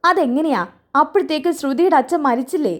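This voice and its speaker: A woman's voice: high-pitched, quick pace, pitched above the performer's own voice, close to an everyday voice. A woman voicing a scheming middle-aged mother-in-law who speaks in a sly, grudging way.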